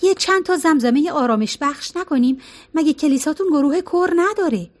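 A woman's voice: high-pitched, animated, voice pushed up. A woman voicing a reluctant middle-aged woman who hesitates and objects, in an audiobook reading. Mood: doubtful.

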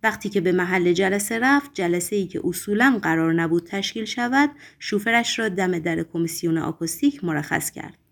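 A woman's voice: fairly low pitch, lively intonation, creaky. A woman voicing a sly, mocking male conjurer's assistant in a theatrical, taunting manner.

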